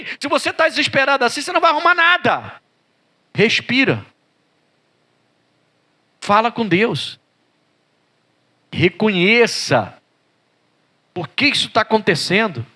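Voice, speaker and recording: A man's voice: high-pitched, pushed and bright. A male pastor with a Brazilian Portuguese accent preaching a sermon, dramatically acting out the voices of biblical figures and rising to pleading cries.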